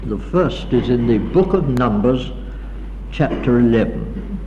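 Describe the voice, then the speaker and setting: A man's voice: medium pitch, animated, unhurried, lo-fi sound, background noise. A man delivering an evening address in a hall, reading scripture aloud in a dramatic, declaiming way, heard on an old 1960s tape recording. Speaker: preacher. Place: lecture hall.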